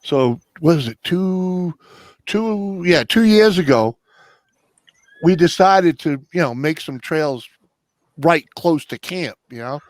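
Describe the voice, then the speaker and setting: A man's voice: fairly high pitch, animated, slow, no room sound. Rambling man in casual chat. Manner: rambling, with many fillers of "you know". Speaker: panel guest. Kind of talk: casual chat on a live stream.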